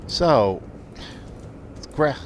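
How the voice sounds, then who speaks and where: Brief: male let's play commentator, mid-pitched, casual and musing, clear game noise behind. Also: expressive, drawn-out words. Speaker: video game player and commentator. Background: video game sound.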